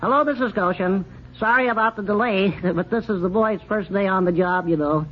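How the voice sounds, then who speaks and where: An actor playing a pompous, fussy older male country doctor who lectures in a drawn-out way, in old radio comedy. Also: sits high, lightly acted. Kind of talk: 1930s radio comedy acting. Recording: dull old radio recording with faint hiss.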